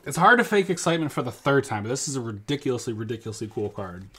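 A man's voice: medium pitch, sing-song, very fast, pushed and bright, husky. A father in his thirties chatting casually and joking with his son while opening trading card packs at home. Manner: playful, jokey, silly sing-song bits. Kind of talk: casual family unboxing chat.

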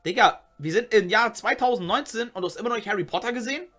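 Animated young man with slangy commentary. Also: high voice, fast talker, faint music behind. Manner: slangy, animated, exclaims often. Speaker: gaming YouTuber. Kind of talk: casual commentary on chat logs.

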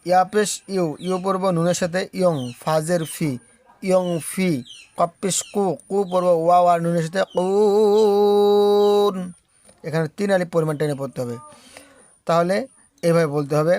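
Bengali man slowly spelling Quran syllables. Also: high voice, steady tone, darkish tone. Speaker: Quran reading teacher. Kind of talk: slow spelled-out recitation lesson.

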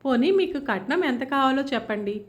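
A woman voicing a gentle middle-aged village father who pleads earnestly and hesitantly. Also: sits high, animated, normal speed. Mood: pleading.

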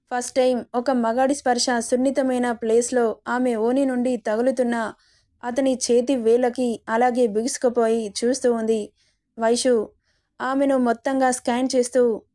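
Woman reading a romance story aloud. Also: fairly high pitch. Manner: expressive storyteller. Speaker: story narrator.

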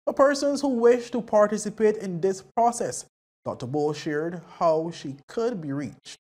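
Woman reading news voice-over, expressive. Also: mid-range voice. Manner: measured reporting. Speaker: news narrator.

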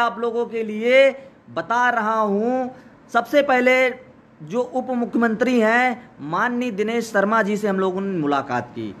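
A man speaking live as a protest organizer, urgently urging listeners to join, his voice hoarse from days of shouting. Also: extremely high pitch. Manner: urgent, exhorting, repetitive. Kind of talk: live rallying speech. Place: outdoor protest site.

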